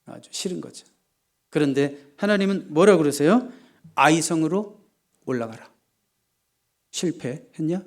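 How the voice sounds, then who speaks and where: Lively preaching man, fairly high voice. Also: moderate pace, creaky. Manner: lively, dramatic preaching with acted quotes and humor. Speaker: pastor. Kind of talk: sermon.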